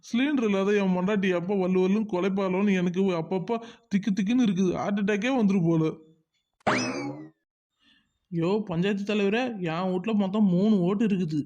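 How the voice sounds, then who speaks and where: A man's voice: high-pitched, mellow, highs cut off, lightly acted. A man voicing a henpecked cartoon village husband who blusters and pleads with the local leader. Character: scared village husband, nagging and pushy.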